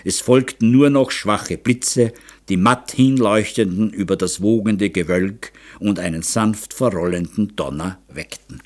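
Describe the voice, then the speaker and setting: A man reading a novel as an audiobook narrator, with expressive storytelling. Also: fairly low pitch, unhurried. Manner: expressive storytelling, varied intonation.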